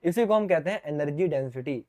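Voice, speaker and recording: A man in a lively, high-voiced physics lecture. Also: fairly quick. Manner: animated and playful, answers himself in a student's voice; addresses students as dear children. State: sore throat. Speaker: physics teacher. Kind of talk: online exam-prep lecture.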